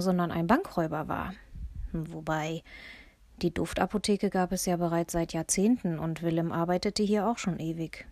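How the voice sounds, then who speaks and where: A woman reading a first-person audiobook in a measured, tense storytelling manner. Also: fairly low pitch, a little mellow, dry recording. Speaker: audiobook narrator. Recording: dry close-miked studio.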